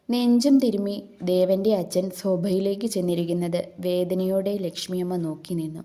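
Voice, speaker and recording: A woman narrating a love story in a steady, earnest reading style. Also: fairly low pitch.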